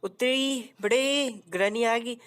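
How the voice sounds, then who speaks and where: A woman voicing a playful cartoon boy who talks slowly and bossily, with a drawn-out, sing-song delivery in a comic gameplay voice-over. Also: fairly high pitch, clean tone. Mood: bossy.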